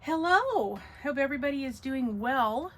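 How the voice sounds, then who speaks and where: A woman with a highish voice chats casually to her followers as a vlog host. She projects loudly and comes across as bubbly and effusive. There is audible noise behind her. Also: animated, normal speed. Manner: loud projection. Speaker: host of a craft community vlog.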